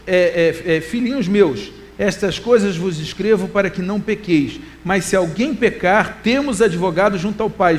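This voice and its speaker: A middle-aged Brazilian man preaching a church talk, animated, moving between loud emphasis and quiet asides and reading scripture slowly. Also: high-pitched, slight background noise. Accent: Brazilian Portuguese. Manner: quotes scripture in a slow, deliberate reading voice. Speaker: preacher and lecturer.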